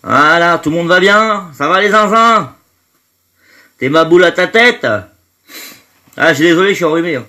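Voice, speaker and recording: His voice sits high with a sharp tone and lively intonation, moving at a moderate pace broken by long pauses. He's streaming live from home with a hay-fever-stuffed nose, chatting and greeting viewers individually by name, often trailing off with fillers.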